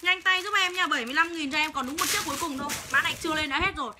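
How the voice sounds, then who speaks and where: A young woman sells clothes on a livestream, her high-pitched voice rattling off buyers' names in rapid sales patter. Between names she breaks into profane, angry rants at viewers, with a crowd audible in the background.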